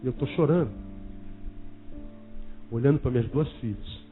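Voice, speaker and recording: A pastor telling a story in a dramatic sermon, swinging from loud to hushed. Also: male voice, mid-range voice, moderate pace. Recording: phone-like sound with faint music.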